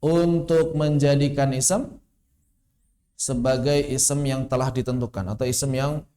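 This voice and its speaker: A man teaching tajwid in an online class. He explains with examples and recites Arabic phrases in a drawn-out chant. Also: medium pitch, steady tone, warm tone. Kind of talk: online lesson. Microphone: online class microphone.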